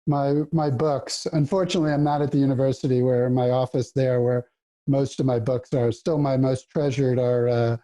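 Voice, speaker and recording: A man speaking as a professor guest on a podcast, in a halting way that repeats his words as he talks. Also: mid-range voice, steady tone, dark tone. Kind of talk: casual interview chat.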